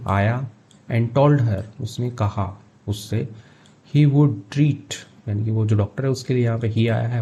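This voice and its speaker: Mellow-voiced man teaching English. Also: medium pitch. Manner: reads English phrases slowly, then explains in Hindi. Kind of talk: line-by-line story translation lesson.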